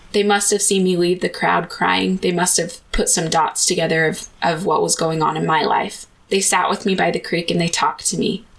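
Gravelly-edged woman telling a personal story. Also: fairly low pitch, poor audio. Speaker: podcast host telling her own story.

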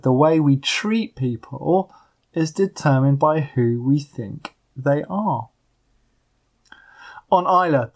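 A pastor giving a sermon in a measured storytelling manner, now and then putting on voices for the people in the story. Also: mid-range voice. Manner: measured storytelling with acted quotes. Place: island church congregation.

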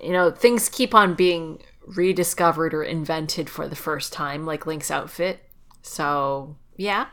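A woman's voice: low-pitched, slow, a bit bright. A woman co-hosting a casual podcast chat, thinking aloud with fillers and laughing easily. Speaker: podcast co-host.

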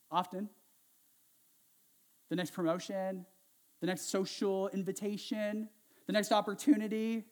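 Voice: medium pitch, a little mellow. A pastor giving a casual, conversational sermon, asking the congregation questions and adding sarcastic, self-mocking asides.

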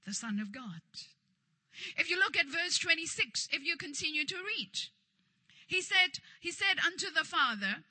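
A woman preaching a sermon, leading the congregation in call and response and rising to shouts. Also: extremely high pitch, animated, moderate pace.

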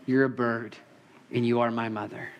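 A man's voice: medium pitch, little pitch movement, moderate pace, lo-fi sound, pitched below the performer's own voice, natural voice. A man voicing a lonely little baby bird searching for his mother, calling out in a pleading way while reading a children's book aloud in a sermon. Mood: tender.

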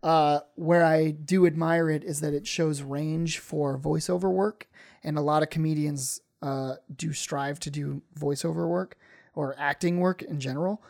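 A man's voice: fairly high pitch, fairly even intonation, measured pace, creaky, darkish tone. A man, a stand-up comedian, chatting casually on a podcast, rambling with many fillers and restarts.

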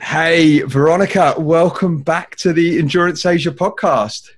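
A man's voice: on the high side, unhurried. A man hosting a podcast, asking questions in a casual, rambling way with many restarts and fillers. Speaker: podcast host. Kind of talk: casual interview chat.

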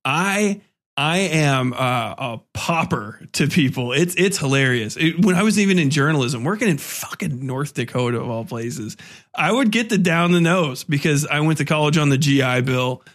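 A man's voice: fairly high pitch, expressive, normal speed, fairly bright tone. A man in casual conversation, talking bluntly and without polish, swearing freely as he makes his points. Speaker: interview participant, writer and military veteran.

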